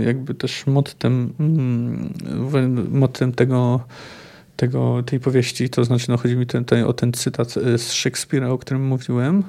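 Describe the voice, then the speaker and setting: Thoughtful man with a mellow voice. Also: medium pitch. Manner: thoughtful, analytical, searching for words. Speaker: podcast host. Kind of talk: book review podcast commentary.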